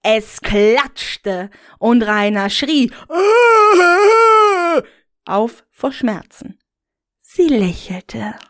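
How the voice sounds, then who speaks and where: Slow, dry-voiced woman reading a story. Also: medium pitch, no room sound. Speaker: story reader.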